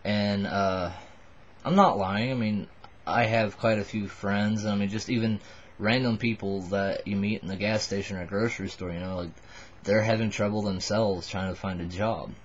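A man in his twenties, a little drunk, giving a halting, rambling, casual confessional to the camera. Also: on the low side, steady tone, slight background noise. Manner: tipsy, buzzed, halting and rambling. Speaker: vlogger addressing subscribers. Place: small wood-panelled bedroom indoors. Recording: dull lo-fi webcam audio.

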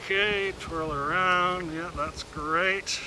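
A man with a slightly high voice calmly directs a couple through poses outdoors in a park, speaking in slow, coaxing instructions. The sound is old camcorder audio from the camera's own microphone, with a steady hiss behind him. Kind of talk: giving shoot directions.

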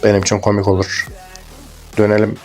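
A man's voice: lowish voice, completely flat delivery, brisk, a little mellow, soft background music. A young man giving casual, crude, joking commentary over a game, rambling and swearing as he plays. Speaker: gaming YouTuber.

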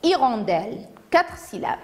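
A woman teacher with a Moroccan accent giving a phonics lesson to young children, saying each word slowly, syllable by syllable. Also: a little high, sing-song, darkish tone. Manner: slow, deliberate, syllable by syllable. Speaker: primary school teacher.

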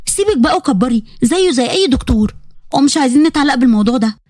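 A woman's voice: high-pitched, expressive, racing, a little mellow, dry recording, clean studio sound. A woman doing a shy Egyptian girl student. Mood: earnest. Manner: polite, earnest, a bit flustered. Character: modest, shy young female student.

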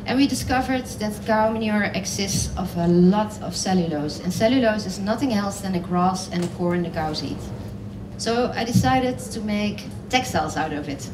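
A woman's voice: medium pitch, normal speed. A woman designer speaking on a conference panel on stage, earnest and with many fillers. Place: large hall on stage. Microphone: headset. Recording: roomy hall, mic at a distance, noisy.

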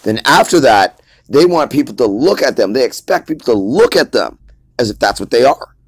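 A man's voice: mid-range voice, animated, normal speed, dry recording. A man preaching informally in an emphatic, lecturing way, often repeating his points.

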